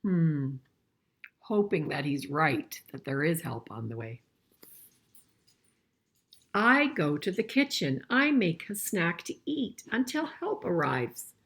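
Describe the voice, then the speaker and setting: An older woman with a low, breathy voice reads a picture book aloud to children with lots of expression. She pauses along the way for conversational asides and keeps asking her young listeners questions.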